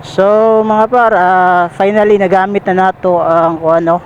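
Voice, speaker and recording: A Filipino motorcycle delivery rider with a Bisaya accent vlogs casually while riding outdoors in traffic, informally calling his viewers pals and repeating phrases. His voice is high-pitched with a level tone and measured pace. It's captured in lo-fi sound on a helmet intercom microphone amid loud traffic noise.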